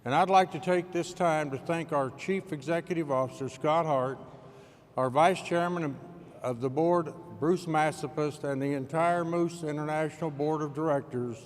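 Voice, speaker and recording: A man's voice: on the high side, normal speed, a little hiss or hum. A man who chairs a charities board, giving an upbeat, welcoming address at a convention podium. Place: large hotel meeting room. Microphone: podium microphone. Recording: echoey convention hall.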